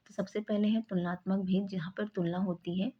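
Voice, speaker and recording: A woman teaching an exam-prep grammar lesson, explaining each term and then acting out short example sentences with stress on the key word. Her voice sits at a medium pitch. The recording sounds slightly dull and muffled. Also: steady tone, brisk, husky.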